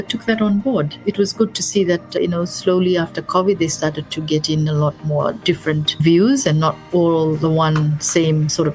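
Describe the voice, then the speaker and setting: A middle-aged Fijian woman talking as an interview guest, her voice sitting low in pitch. She speaks earnestly and often circles back over her words, with soft music faintly under her. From Fiji. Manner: earnest, repeats and restarts words. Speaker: business advisor, guest. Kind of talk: interview conversation.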